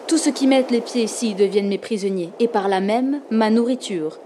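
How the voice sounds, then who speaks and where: A woman voicing a hungry, merciless female sea spirit in a storybook, speaking slowly and menacingly. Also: on the high side, warm tone, slight background noise, natural voice. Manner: slow, menacing, gloating.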